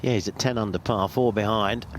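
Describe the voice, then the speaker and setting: A man commentates on live golf in a fairly low voice. He talks conversationally, as a golf commentator does, over clearly audible outdoor background noise. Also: steady tone, fairly quick. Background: outdoor ambience.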